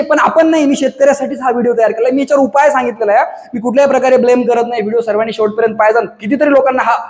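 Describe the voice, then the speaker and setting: Man, impassioned monologue, very high and fast, echoey room with long reverb. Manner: fiery, ranting, many rhetorical questions. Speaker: coaching class owner giving advice.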